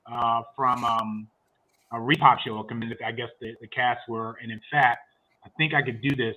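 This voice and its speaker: A man's voice: mid-range voice, lo-fi sound. A man hosting a livestreamed movie review chat, rambling along with frequent fillers and restarts.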